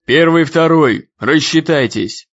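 A blustering drill commander , as a male narrator puts him on, bellows slow, drawn-out orders in a raised voice. The audiobook sound is a little muffled. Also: fairly high pitch. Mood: barking orders. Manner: barks short military commands. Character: loud bossy middle-aged male drill commander. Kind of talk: audiobook character voice.

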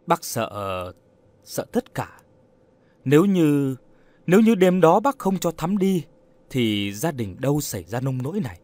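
A man voicing a grieving, guilt-ridden old man who speaks quietly and breaks into anguished cries. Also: on the high side, very animated, unhurried, no echo. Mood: fearful.

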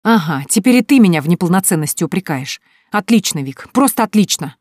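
A woman's voice: on the low side, quick pace, mellow, no echo, clean studio sound, natural voice. A woman voicing a sensitive young woman who answers defensively and with indignation. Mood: indignant. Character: touchy, softhearted young woman.

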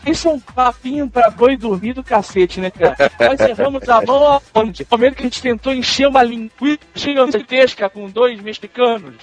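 A man's voice: very high voice, moderate pace, few pauses, soft background music. A man with a Brazilian Portuguese accent, joking and swearing in casual podcast banter. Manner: joking, profane, asks "né, cara?".

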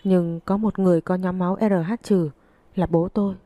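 A woman's voice: lowish voice, steady tone, fairly quick, dry recording, narrow, tinny audio, natural voice. A woman reading the lines of a troubled young man who answers in short, firm, reassuring words. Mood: tense.

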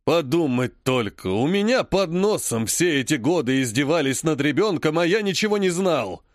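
A man voicing a grumbling old grandfather, the head of a noble clan, who speaks slowly and scolds. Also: on the high side, lively intonation, no room sound, clean studio sound, close to an everyday voice. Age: over 60. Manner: slow, grumpy, scolding.

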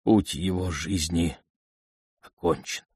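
A man voicing an old, weather-beaten royal messenger who speaks slowly and deferentially. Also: a little mellow, breathy edge, no room sound, clean studio sound, full character voice. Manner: deferential, slow and low.

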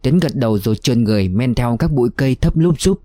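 A man narrating a war novel in a somber, steady reading voice. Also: medium pitch, fast, no echo, soft background music. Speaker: audiobook narrator.

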